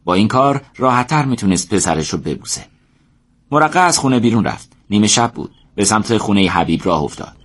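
A man tells a story in scripted narration. His voice sits fairly low, and his delivery is steady and measured.

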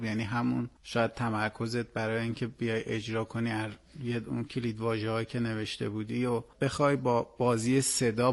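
A man with a creaky, gravelly voice at an average pitch. He speaks as a contest judge, giving informal spoken critique.

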